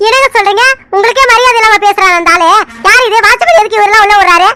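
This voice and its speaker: A woman's voice: extremely high pitch, fast talker, pushed and bright. A woman as an anxious cartoon wife. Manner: pleading questions, defensive. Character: anxious defensive middle-aged wife.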